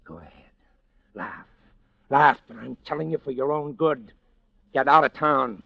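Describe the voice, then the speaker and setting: A man's voice: medium pitch, measured pace, creaky, no room sound. An actor playing a cynical, urgent American tough guy, slangy and sardonic, in an old-time radio drama. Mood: pleading. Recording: muffled vintage radio recording.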